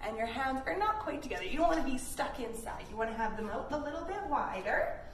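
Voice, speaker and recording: A fast, high-pitched, animated woman reads a picture book aloud in a children's yoga session. Her expressive reading comes with simple, encouraging instructions for young children, captured on a distant mic in an echoey room with background noise.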